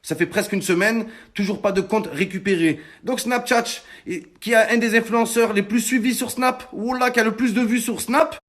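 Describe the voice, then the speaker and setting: A man's voice: high-pitched, moderate pace, few pauses, a bit bright. A man, telling a story in a heated vlog rant, swearing and acting out the other people in it. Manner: heated, emphatic, swears a lot, acts out callers. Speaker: influencer telling his story.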